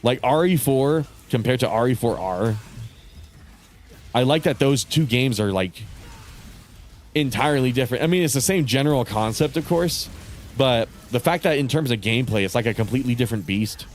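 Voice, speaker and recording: Slight background noise accompanies a man with an expressive mid-range voice at a moderate pace, chatting casually during a game livestream. He sounds congested and nasal as he rambles, swears frequently, and laughs between thoughts.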